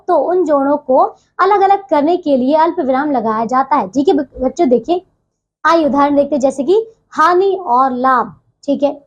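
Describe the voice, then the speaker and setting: A woman's voice: high voice, highs cut off. A young woman teaching a grammar lesson to schoolchildren, patient and repetitive, often checking that the children follow. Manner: patient, repeats "theek hai bachchon" constantly.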